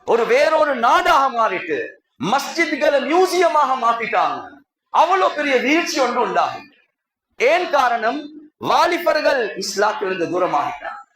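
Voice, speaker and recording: A man preaching a live Friday sermon in a mosque with a Sri Lankan Tamil accent, impassioned and rhetorical, calling out to his congregation again and again. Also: extremely high pitch. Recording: echoey hall with crowd.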